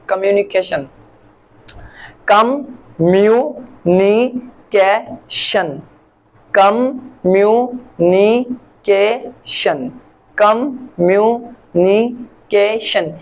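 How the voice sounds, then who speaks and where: A man from Pakistan teaching a language lesson, patiently repeating each word slowly syllable by syllable. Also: high-pitched, low-quality recording. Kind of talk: classroom-style language lesson.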